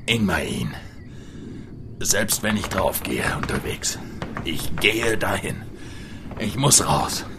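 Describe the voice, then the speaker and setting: An actor playing a wounded, weakened but fiercely determined man in an audio drama, with a halting, strained delivery. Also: low-pitched, very animated, gravelly, background noise, exaggerated voice. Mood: grim, determined.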